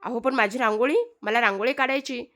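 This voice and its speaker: A woman voicing a spirited, questioning young girl who talks back in a high, insistent voice. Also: fairly quick, a bit bright, natural voice.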